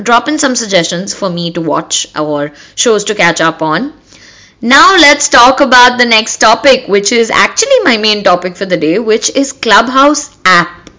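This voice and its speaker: A woman hosts a casual solo podcast in a North Indian accent. Her voice is bright and forward, sitting at an average pitch for a woman. She talks conversationally, mixing Hindi phrases into her English. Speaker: podcast host.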